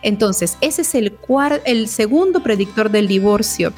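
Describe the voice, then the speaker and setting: A woman's voice: mid-range voice, lively intonation, measured pace, darkish tone, faint music behind. A woman psychologist explaining relationship advice, often checking in with her listeners with short questions.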